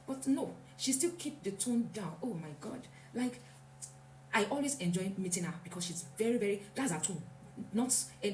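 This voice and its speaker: Speaking at a medium pitch with a darkish tone, a woman vlogger offers earnest, thoughtful motivation and circles back to key points to stress them. The room is echoey, with a faint hum underneath.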